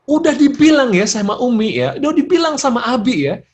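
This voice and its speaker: A man voicing an exasperated mother who scolds her child in a loud, nagging tone. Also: on the low side, wildly swooping pitch, brisk, husky, exaggerated voice. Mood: scolding.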